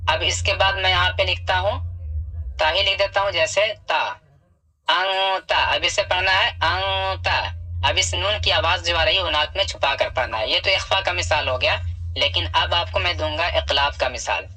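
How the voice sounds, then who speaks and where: A man teaching recitation at a patient, step-by-step pace. His voice is bright and a little husky. He stretches out example sounds slowly, repeats them, and quizzes the listener with questions he answers himself. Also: high-pitched, faint music behind, poor audio. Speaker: Quran reading teacher.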